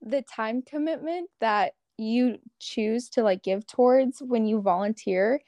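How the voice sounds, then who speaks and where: A woman's voice: a little high, unhurried, dark tone, no room sound. A woman in her late teens with an American accent, giving conversational answers as an interview guest. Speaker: podcast guest, pageant competitor and volunteer.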